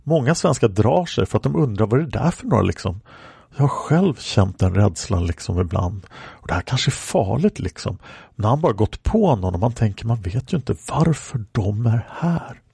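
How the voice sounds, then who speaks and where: A man's voice: on the low side, big pitch swings, vocal fry, a little mellow, breathy edge, no room sound, clean studio sound, full character voice. A man reading aloud a woman's answers in a police interrogation record, rambling with many fillers. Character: woman questioned by police, plain-spoken.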